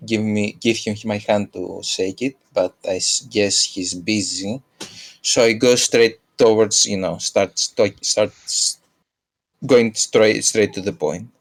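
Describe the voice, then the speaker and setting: A man chatting casually as a player in a tabletop role-playing game, halting and rephrasing as he goes. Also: fairly low pitch, steady tone, vocal fry.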